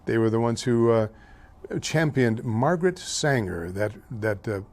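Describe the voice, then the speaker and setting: An older man hosts a local talk show, speaking haltingly with lots of fillers and stumbling over names, and he grows louder and more heated when politics comes up. His voice sits in the mid range with lively intonation.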